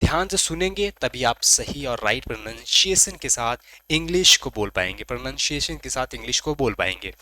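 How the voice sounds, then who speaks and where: Slow, emphatic teacher. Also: male voice, mid-range voice, bright, forceful tone. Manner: repeats word pairs slowly and emphatically; corrects common student mistakes. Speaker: English teacher. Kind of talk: pronunciation drill lesson.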